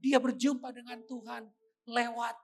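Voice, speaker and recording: A man preaching a sermon, telling a personal story with acted quotes and lively delivery. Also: very high-pitched, unhurried. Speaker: pastor.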